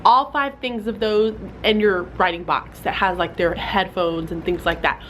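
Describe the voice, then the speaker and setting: Mildly congested from a cold, a young woman who teaches fourth grade records a chatty classroom vlog full of fillers. Her medium-pitched, fairly bright voice has even intonation and normal speed, captured in low-quality audio with light background noise.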